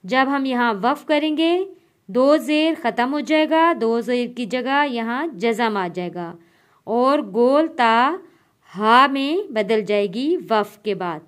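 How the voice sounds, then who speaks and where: Slow, clear high-voiced woman teaching. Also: lively intonation. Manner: spells out letters and vowel marks, then blends them; patient, explains rules in between. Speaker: Quran reading teacher. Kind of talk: slow letter-by-letter lesson.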